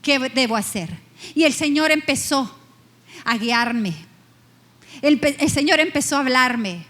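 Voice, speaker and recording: A middle-aged woman pastor delivering a heartfelt sermon testimony in a high, light voice. She tells her story with feeling and lingers on key words in slow, emphatic pauses. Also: fairly bright tone.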